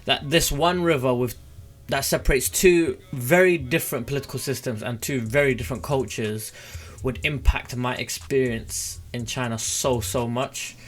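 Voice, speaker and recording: A young British man in his twenties vlogs from a small room at home, casually telling stories to camera. His medium-pitched voice moves at normal speed, chatty and mildly sweary, picked up close by a foam-covered desk mic on a boom arm, with soft background music.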